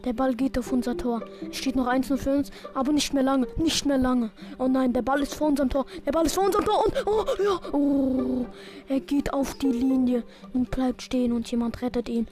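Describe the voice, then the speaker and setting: Over clearly audible game music, a high-voiced woman who makes gaming videos narrates a match live at a moderate pace. She's excitable and self-mocking as she calls the action.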